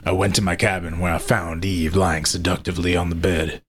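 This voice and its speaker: A man narrating a first-person story in a steady, measured way. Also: deep voice, slightly rough.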